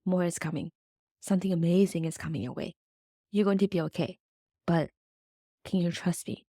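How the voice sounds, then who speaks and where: A woman voicing a gentle, all-knowing motherly cosmic spirit, speaking softly and reassuringly in a podcast monologue. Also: medium pitch, steady tone, a little slow, no room sound, studio quality, close to an everyday voice. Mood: soothing. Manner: soft, soothing, reassuring.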